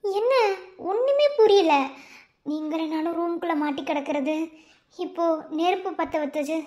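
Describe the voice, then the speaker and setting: A woman's voice: very high-pitched, normal speed, dark tone. An actress playing a loyal young woman who comforts her frightened friend. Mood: comforting. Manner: comforting, then pleading. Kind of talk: TV serial acting.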